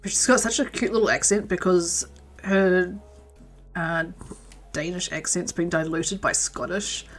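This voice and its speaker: Soft music plays as a woman from New Zealand crochets live, chatting in a rambling way, answering messages from chat, and quietly counting stitches at times. Her voice is on the low side, steady, and a little slow.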